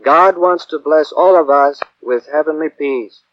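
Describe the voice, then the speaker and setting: A man from Kansas, a priest, preaching a calm, earnest sermon, heard from an old 1950 transcription record. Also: fairly high pitch, unhurried, no room sound. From Kansas, USA. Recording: dull, dry old disc recording.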